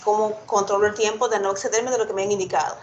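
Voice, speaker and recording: A woman's voice: mid-range voice, steady tone, fast, highs cut off, slight background noise. A woman taking part in an online workshop, asking questions hesitantly and restarting her sentences. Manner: hesitant, restarts, self-conscious. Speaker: workshop participant. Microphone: video call.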